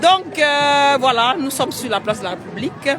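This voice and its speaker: A man's voice: extremely high pitch, animated, normal speed. A man, live-streaming from a busy city square and greeting viewers by name in a chatty, teasing way. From Cameroon. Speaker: livestream host. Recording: street crowd and music behind.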